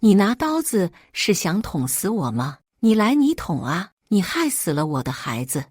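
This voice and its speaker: A woman reading a story, voicing a sharp-tongued, loud mother-in-law. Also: sing-song, normal speed, husky, dry recording, studio quality. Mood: scolding. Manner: shrill, scolding.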